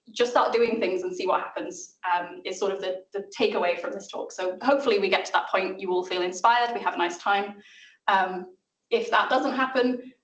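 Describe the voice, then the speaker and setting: Woman, late 20s, relaxed self-mocking seminar speaker, mid pitch, roomy hall, picked up from afar. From South Wales. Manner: chatty and self-deprecating, with filler ums. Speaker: invited seminar speaker, mathematics lecturer. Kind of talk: informal academic talk. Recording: roomy lecture room, mic at a distance.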